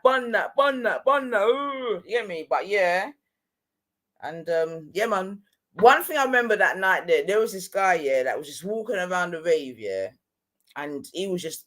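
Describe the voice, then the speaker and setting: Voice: medium pitch, fairly bright tone. Middle-aged London roadman storyteller, slangy. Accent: London, street slang. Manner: London roadman way of talking, slangy, frequent tag questions. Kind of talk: casual storytelling chat.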